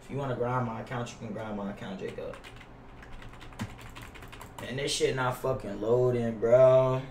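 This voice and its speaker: With a mid-range voice, fairly even intonation and normal speed, a young adult American man chats with his stream viewers as he plays a game. He leans on slang, swears plenty and repeats phrases. The gaming headset recording, made in a small indoor room, is roomy and distant, with faint noise and keyboard clicks.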